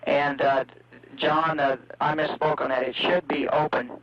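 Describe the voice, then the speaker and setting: A man's voice: fairly high pitch, level tone, a little slow, highs cut off. A man working as a mission control communicator, making procedural calls to a spacecraft over a two-way radio with static.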